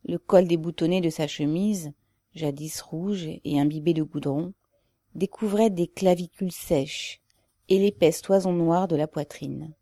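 A woman narrating an audiobook in a low, dark voice. She reads slowly and evenly. The recording is dry and close. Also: no echo. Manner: measured, even reading.

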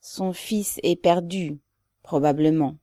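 A man's voice: a little high, steady tone, takes it slowly, dark tone, dry recording, clean studio sound. A fiery bitter peasant man, as a woman reader puts him on. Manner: fiery, rousing.

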